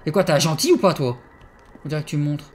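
A young man hosting a horror game let's play, excitable and swearing, yelping in fright and then muttering to himself. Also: fairly high pitch, fast talker, a little hiss or hum. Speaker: gaming channel host.

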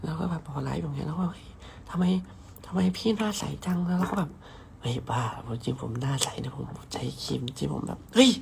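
A man's voice: a little high, animated, fairly quick, creaky, darkish tone, slight background noise. A young man from hosts a casual phone live stream. He reads out viewer comments in a playful, teasing way and swears casually. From Nakhon Si Thammarat, southern Thailand.

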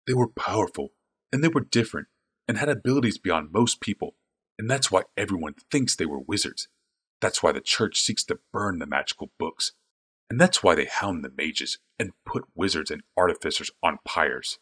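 A man voicing a calm old wizard. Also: deep voice, slightly rough, exaggerated voice. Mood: explaining. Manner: calm, measured.

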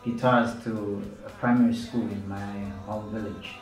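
A man in his thirties, a musician from Zambia, answering interview questions in a relaxed, unhurried way with fillers. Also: fairly low pitch. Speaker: musician guest. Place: small studio room, indoors. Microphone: studio mic on stand, headphones. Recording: roomy, slightly distant mic with music underneath.

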